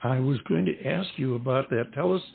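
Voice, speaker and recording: Very gravelly, husky male music host. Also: mid-range voice, fairly quick. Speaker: radio music show host. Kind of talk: conversational interview. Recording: narrow, phone-like sound.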